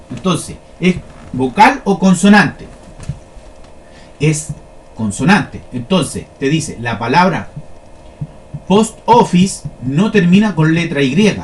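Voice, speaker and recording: A man teaching a lesson, explaining step by step and often checking that his listeners follow. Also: high-pitched. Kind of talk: classroom lesson on flowcharts.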